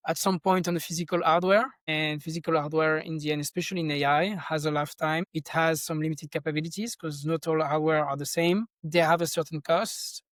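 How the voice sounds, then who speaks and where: Here a tech founder from France, middle-aged and French-accented, chats as a podcast interview guest in a slightly high voice. He's thoughtful and casual but rambling, often restarting his sentences, and the recording is dry with clean studio sound.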